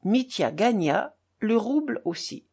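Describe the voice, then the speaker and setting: A woman narrating a novel aloud as an audiobook. Her tone is low, subdued and measured. She reads slowly, with a husky, breathy voice and a lively rise and fall.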